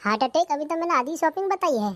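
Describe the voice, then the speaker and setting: A woman's voice: high voice, expressive, fast, pitched above the performer's own voice. Woman voicing a demanding village wife. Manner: bossy, listing demands. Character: demanding village wife, shopping-mad and sharp-tongued. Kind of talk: cartoon comedy voice acting.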